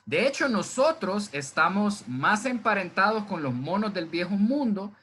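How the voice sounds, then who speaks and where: A man teaching a zoology class by video from home, talking to his students in a relaxed, conversational way and answering his own questions. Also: high voice, a little slow, breathy edge. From Honduras. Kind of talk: recorded online class lecture. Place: indoors at home during heavy rain. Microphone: computer microphone.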